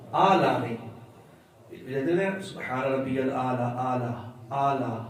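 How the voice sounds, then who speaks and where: A male religious teacher giving a live class on prayer recitation. He repeats words slowly to correct how they are pronounced. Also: fairly high pitch. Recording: very echoey room, voice far from the mic.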